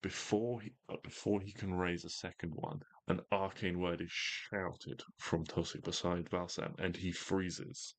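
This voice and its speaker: A man with a deep voice acts as game master for a tabletop game. He tells the story slowly and theatrically, giving measured dramatic narration. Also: level tone.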